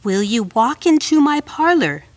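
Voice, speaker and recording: A woman putting on a low, coaxing spider. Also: sing-song, a little slow, recorded from a distance. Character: cunning sweet-talking male spider.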